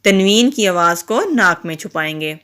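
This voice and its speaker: A woman teaching Quran reading with an Urdu accent, spelling words out slowly syllable by syllable and then explaining the rules more briskly. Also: fairly low pitch, fairly bright tone, clean tone. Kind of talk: spelled-out recitation lesson.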